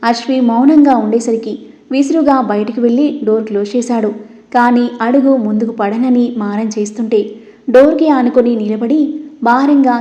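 A woman narrating a scripted audio story in a steady, expressive way. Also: on the high side, muffled recording.

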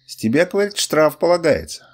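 A man voicing a calm, good-humored father who teases his son on a hunt. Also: on the high side, fairly quick. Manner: teasing, instructive.

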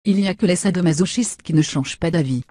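A woman's voice: lowish voice, fast talker, dark tone, dry recording, studio quality, lightly acted. A woman voicing a vain, foul-mouthed young woman, brash and insulting in comic machinima. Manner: brash, insulting, self-satisfied.

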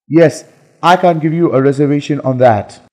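A man reading the lines of a scripted English lesson dialogue in a plain, measured way. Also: on the high side, mellow, big-room sound.

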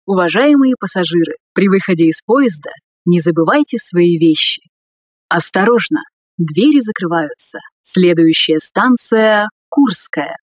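A woman reading scripted subway announcements in a formal, measured way. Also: fairly low pitch, lively intonation, dry recording, studio quality.

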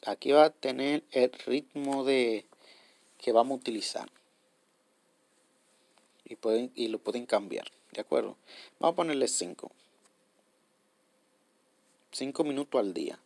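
A man's voice: mid-range voice, animated, a little slow, creaky, long pauses, a little mellow, no echo. A man hosting a step-by-step app tutorial. He explains patiently, repeats himself, and keeps checking in with his viewers. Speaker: tutorial host.

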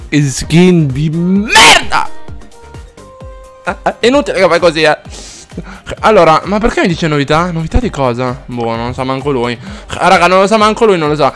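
A man streaming a game live, chatting casually and swearing freely at his viewers, with loud exaggerated outbursts. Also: fairly high pitch. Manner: rambling and profane, chatting to viewers.

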